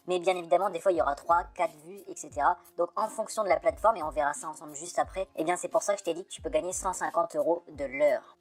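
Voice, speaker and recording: A woman's voice: mid-range voice, a little mellow. A woman walking the viewer through an online tutorial step by step, in a casual, familiar way. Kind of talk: screen-recorded tutorial.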